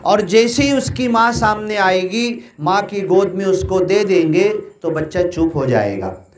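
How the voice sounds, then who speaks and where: A man's voice: sits high, expressive, unhurried. A man preaching a devotional sermon to a seated congregation, repeating phrases for emphasis. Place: large hall with an audience. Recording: echoey hall.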